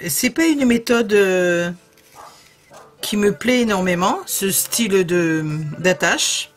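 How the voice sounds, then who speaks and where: A woman's voice: medium pitch, takes it slowly. Woman with a southern French accent, hosting a homemade craft tutorial; chatty, hesitant, fond of fillers; faint music underneath. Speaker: crafting video host.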